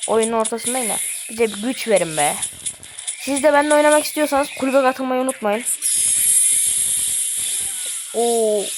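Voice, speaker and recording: A woman hosting a gaming channel, giving excitable, slangy live commentary and trash-talking the game as she plays. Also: a little high, noisy background. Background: game music.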